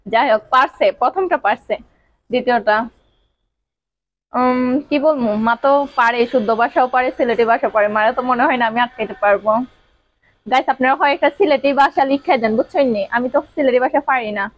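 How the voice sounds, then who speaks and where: Brief: high-voiced woman vlogger from Sylhet, chatty, dry dull lo-fi sound. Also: moderate pace, no echo. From Sylhet, Bangladesh. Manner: chatty, addresses viewers directly. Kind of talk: casual family vlog chat.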